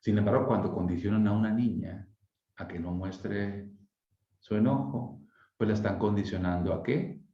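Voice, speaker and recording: A man talking through emotions in relaxed conversation, often pausing to ask rhetorical and tag questions. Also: lowish voice. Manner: reflective, asks rhetorical questions, frequent tag questions. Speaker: speaker on emotional wellbeing. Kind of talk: conversational explanation. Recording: echoey lo-fi room sound.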